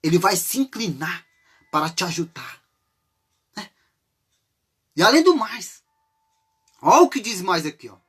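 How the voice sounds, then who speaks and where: Animated husky Brazilian preacher. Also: male voice, sits high, unhurried, pauses often. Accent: Brazilian Portuguese. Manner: conversational, full of rhetorical questions and tag questions; acts out desperate cries for help. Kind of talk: informal sermon on a psalm.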